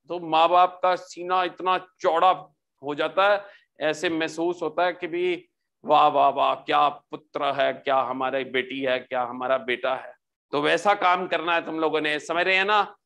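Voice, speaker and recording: A man giving a maths lecture, animated and repetitive, often pausing to ask for agreement. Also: on the high side. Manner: animated, repeats "ठीक है जी", mixes English into speech. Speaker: maths teacher. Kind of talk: classroom lecture with pep talk.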